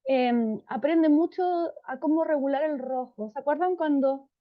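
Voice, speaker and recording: A woman psychologist explains things to parents in a warm, calm, unhurried tone, often checking in with them. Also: high-pitched. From Chile. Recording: dull lo-fi sound.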